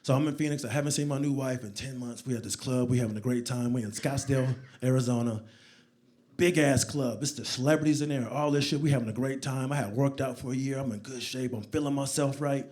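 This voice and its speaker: A man in his forties doing stand-up comedy on a club stage, telling stories loudly and acting them out. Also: medium pitch, fast talker. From United States. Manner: animated, loud, acts out scenes.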